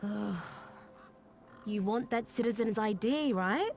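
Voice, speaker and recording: A woman's voice: medium pitch, lively intonation, slow pace, darkish tone, a little hiss or hum. A woman playing a brash, cagey young tech tinkerer in a video game, with a sarcastic, cheeky, slangy delivery. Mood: brisk, bossy.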